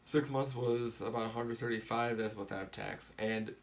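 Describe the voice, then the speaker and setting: A man's voice: mid-range voice, fairly even intonation, normal speed, a little hiss or hum. A man casually chatting on a live stream, sleepy and yawning, rambling through his plans with lots of fillers. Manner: rambling, filler-heavy, tired.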